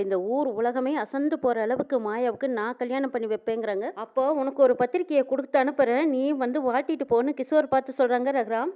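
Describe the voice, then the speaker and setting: A woman quickly retelling a TV serial episode, voicing each character's lines in her own storytelling voice. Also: high-pitched. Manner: quick storytelling with reported speech. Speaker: serial recap narrator. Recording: phone-like narrow sound.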